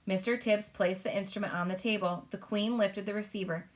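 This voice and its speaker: A woman reads a children's story aloud. Her voice sits at a medium pitch, and the narration is expressive. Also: brisk. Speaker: story reader.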